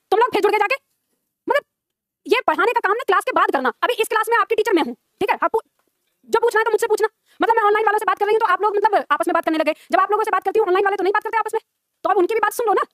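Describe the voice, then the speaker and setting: A woman's voice: very high voice, no echo, clean studio sound. A woman teaching Hindi, chatting to her class and online students with frequent laughs. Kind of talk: live classroom lesson chat.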